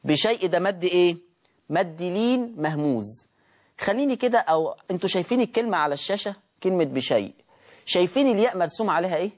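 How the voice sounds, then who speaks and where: A Quran recitation teacher with an Egyptian Arabic accent leads a Tajweed lesson in a high-pitched voice with lively intonation. He keeps firing questions at the class and answering them himself, stretching example words out slowly to show their proper pronunciation.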